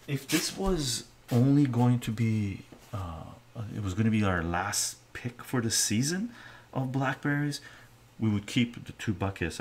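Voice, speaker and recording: An older man streaming live from his home kitchen, talking in a soft-spoken, relaxed way, reading viewer comments aloud and often ending with "right?". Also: fairly low pitch, a little hiss or hum. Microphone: webcam framing at the counter.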